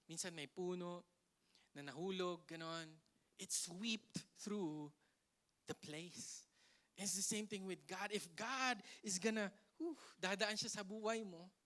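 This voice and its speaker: In a church hall, a man with a Filipino accent and a smooth, high-sitting voice preaches a lively, playful sermon that mixes Tagalog and English. He jokes and laughs with the congregation, moving between loud emphasis and soft asides.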